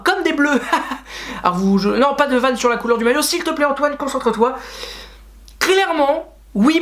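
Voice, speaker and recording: A man's voice: very high voice, a bit bright. A man hosting a casual football reaction video, talking straight to his viewers and ranting with frustration and sarcastic asides. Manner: talks to viewers directly.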